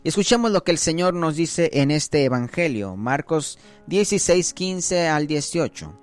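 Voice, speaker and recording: A man's voice: fairly high pitch, expressive, normal speed, soft background music. A man giving a conversational sermon as a preacher, often checking in with his listeners.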